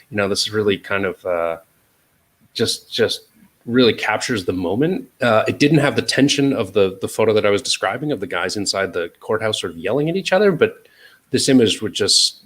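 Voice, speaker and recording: A man with a lowish, slightly bright voice and an American accent chats casually as an interview guest. Explaining his work as an editor, he hedges a lot, leaning on "sort of" and "you know."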